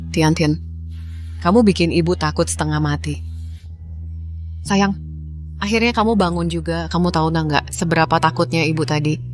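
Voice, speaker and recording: A woman's voice: low voice, close to an everyday voice. Woman dubbing a frantic loving mother. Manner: urgent, pleading. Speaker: mother character. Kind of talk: dubbed drama acting.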